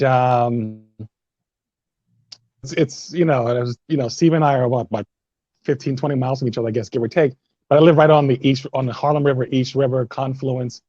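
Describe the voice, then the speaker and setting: A man with a warm, mellow voice tells a vivid story on a webinar panel. The audio is dry, with no room sound, and comes through a slightly dull video call line. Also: mid-range voice, dry recording.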